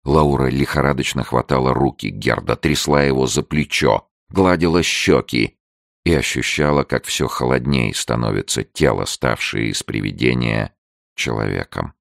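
A man reads a story aloud in a very deep voice with heavy gravel in it. His delivery is steady and measured, in a dry, close sound. It is classic audiobook narration. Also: no echo.

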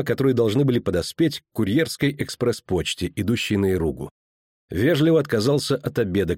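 A man narrating an audiobook in a measured, even manner. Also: mid-range voice, no echo, studio quality. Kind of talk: scripted narration.

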